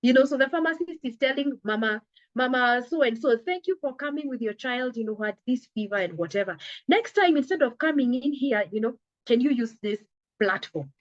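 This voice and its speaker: In a lively, high voice, a telehealth founder talks briskly and earnestly through a conversational interview, a coming cold roughening her throat a little. She's emphatic and acts out little exchanges, captured on a lo-fi recording with no room sound.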